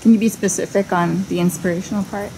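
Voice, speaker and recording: A woman interviewer asking questions at a press conference in a slow, wry way. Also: medium pitch, steady tone, noisy background.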